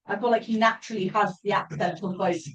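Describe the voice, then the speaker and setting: A woman's voice: mid-range voice, fast talker, fairly bright tone, far from the mic, highs cut off. A woman chatting candidly about movies in a radio studio, with the odd swear word. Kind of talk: casual chat. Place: small community radio studio.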